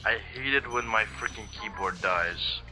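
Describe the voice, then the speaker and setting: A man's voice: on the low side, normal speed, bright, forceful tone, soft background music, low-quality recording. A young adult man co-hosting a let's play with joking, sweary casual banter.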